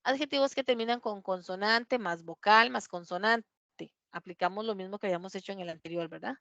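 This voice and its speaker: A woman's voice: mid-range voice, brisk, a bit bright, no room sound. A woman teaching a classroom grammar lesson, patient and methodical, repeating the key points and checking that her students follow. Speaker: English teacher. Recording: dull lo-fi classroom recording.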